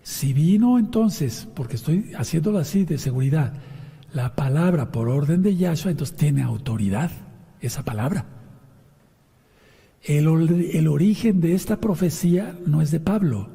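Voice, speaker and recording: With a fairly high yet dark-toned voice made hoarse by post-operative sinusitis, a man teaches from the Bible, mixing readings with commentary. He addresses the congregation directly, asking questions and giving instructions, all within a long, reverberant hall sound.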